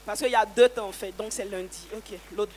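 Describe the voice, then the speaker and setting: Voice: medium pitch, steady tone, a little fast, slight background noise. A church service leader guiding the testimony, calling out amen and hallelujah in response.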